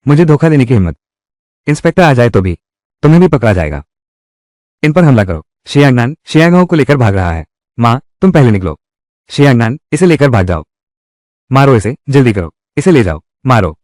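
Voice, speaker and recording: Animated male drama dub voice. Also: mid-range voice, a little fast, long pauses, no echo, clean studio sound. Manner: heated, quarrelsome dialogue delivery. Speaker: dubbing voice for all roles. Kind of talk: dramatic Hindi drama dubbing.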